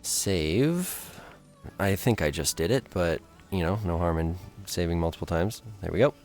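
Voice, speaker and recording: A man's voice: deep voice, animated, a little slow, a little mellow, faint music behind. A man streaming live, chatting casually with viewers and thinking aloud as he builds.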